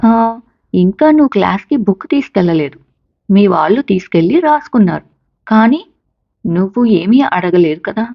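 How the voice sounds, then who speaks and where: A woman's voice: mid-range voice, animated, moderate pace, vocal fry, no room sound, highs cut off. A woman voicing a caring mother who patiently encourages her college-age son. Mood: encouraging. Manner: patient, coaxing, reassuring.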